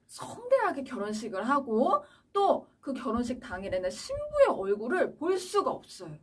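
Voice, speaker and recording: Animated woman telling a children's sermon. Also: sits high, distant mic. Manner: animated, explaining simply to kids. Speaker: children's Sunday school teacher. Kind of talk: Bible storytelling sermon for children.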